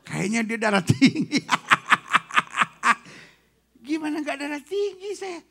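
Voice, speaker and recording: A pastor preaching a lively sermon, swinging from shouts to soft joking asides and dropping in English phrases. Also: male voice, very high-pitched, takes it slowly. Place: retreat meeting room.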